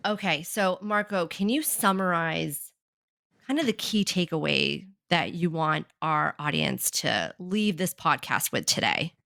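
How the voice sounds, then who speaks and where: A woman co-hosts a business podcast in a Boston accent. Her voice sits low with a gravelly edge, and she talks in an upbeat, enthusiastic way. The recording is dry, with no room sound. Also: lively intonation, measured pace, bright, forceful tone, dry recording. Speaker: podcast co-host. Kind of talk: casual podcast conversation.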